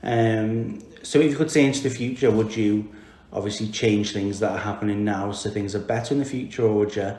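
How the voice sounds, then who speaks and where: A man's voice: on the low side, steady tone, a little fast, few pauses, a little mellow. A man with a Merseyside accent hosting a podcast interview, cheeky and jokey, swearing casually. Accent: Merseyside English. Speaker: podcast host. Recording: echoey room.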